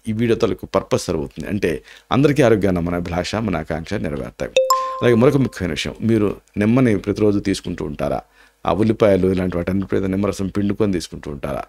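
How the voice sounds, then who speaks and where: A man's voice: low-pitched, expressive, fast, creaky, a little mellow. A man with a Telugu accent, an Ayurvedic doctor giving health advice to camera, explaining step by step and slipping in English terms. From India. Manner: explanatory, slips in English terms, many restarts and "aa" fillers.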